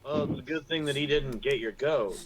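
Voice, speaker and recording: A man's voice: medium pitch, brisk, crowd noise, poor audio. A man talking casually as a player in a tabletop game.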